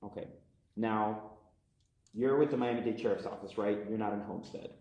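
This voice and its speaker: A man questioning a witness as prosecutor in a measured way, heard in a courtroom recording. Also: lowish voice, fairly even intonation, mellow, highs cut off. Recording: echoey courtroom audio.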